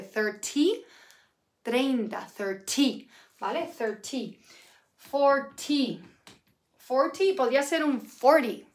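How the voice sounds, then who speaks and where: Woman teacher from Canada, fairly high voice, chatty and repetitive, live online lesson, echoey room. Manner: lively, chatty, repeats words for learners. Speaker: English teacher.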